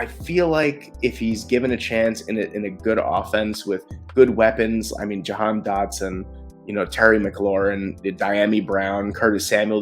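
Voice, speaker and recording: A man hosting a casual football mock draft video, talking with excitement and frequent restarts. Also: on the low side. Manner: excited, rapid-fire picks with frequent restarts. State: short of breath. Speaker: sports video host.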